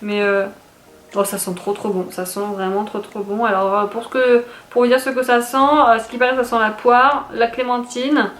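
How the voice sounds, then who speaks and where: A woman's voice: fairly high pitch, fairly even intonation, moderate pace, a bit bright. A young woman vlogger chatting casually about her shopping, rambling with fillers and restarts. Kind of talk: casual haul video chat. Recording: echoey room with faint noise.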